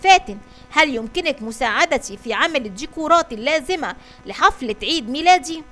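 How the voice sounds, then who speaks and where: Cheerful little storybook sister, bright and eager, high voice, read by a woman. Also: expressive, brisk, soft background music. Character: cheerful little sister before her birthday.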